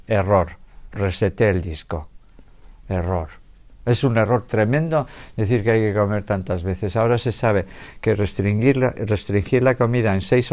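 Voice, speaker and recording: A male doctor with a somewhat low voice gives a public lecture on health before an audience in a lecture room. He speaks in an easy, conversational way, poses rhetorical questions, and checks in with his listeners as he goes.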